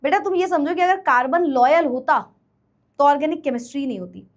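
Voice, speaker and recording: Animated high-voiced woman teaching chemistry. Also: brisk. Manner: animated, teasing, mimics students. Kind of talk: online class lecture.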